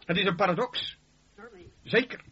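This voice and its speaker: A man preaching a sermon, emphatic, with dramatic pauses between short phrases. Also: sits high, bright, forceful tone, dull audio. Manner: emphatic, rising and falling delivery with dramatic pauses.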